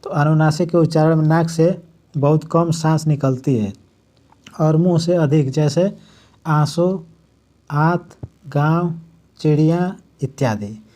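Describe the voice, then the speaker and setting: A man teaching a Hindi grammar lesson for exam prep, explaining step by step, restating points and slowly drawing out the example words. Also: fairly high pitch, warm tone.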